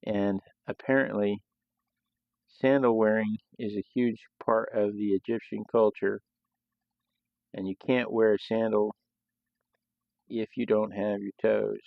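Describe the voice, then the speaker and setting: Low, gravelly man, casual and rambling. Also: little pitch movement, measured pace, long pauses, no room sound. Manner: loose, rambling delivery with frequent restarts. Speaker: host of a live sketching stream. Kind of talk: casual live-stream talk while drawing. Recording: dull, lo-fi sound.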